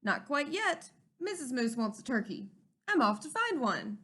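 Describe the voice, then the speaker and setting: A woman's voice: sits high, big pitch swings, moderate pace, fairly bright tone, full character voice. A woman voicing a kindly, eager male moose from a children's storybook, in an earnest, hearty and emphatic manner. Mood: friendly.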